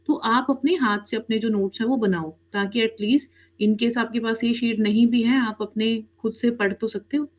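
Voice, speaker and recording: This woman's voice is on the high side, with fairly even intonation and a normal speaking speed. She teaches an online Korean class, mixing in English words and checking in with her students often. She calls them "beta" and keeps asking "theek hai?"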